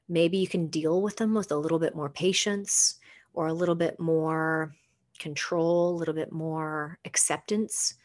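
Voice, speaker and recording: A woman podcast host leading a guided relaxation with a gentle, soothing, instructional delivery. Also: on the low side. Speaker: podcast host guiding a meditation. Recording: ambient new-age music bed. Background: ambient music with singing bowls.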